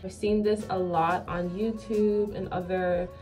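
A young adult woman, a beauty vlogger, chats casually toward a camera in a small bathroom, using playful, tongue-in-cheek zoomer slang. Her medium-pitched voice has a darkish tone and a flat, unhurried delivery, with music running underneath.

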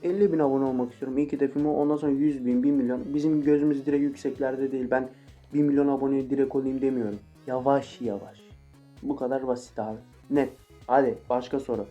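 Eighteen-year-old male vlogger, rapid joking banter, dark mellow tone, faint guitar under it. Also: mid-range voice, fairly even intonation, highs cut off. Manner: joking, swearing, mock-angry outbursts. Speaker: YouTuber answering viewer questions. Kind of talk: casual Q&A vlog. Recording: faint guitar music behind.

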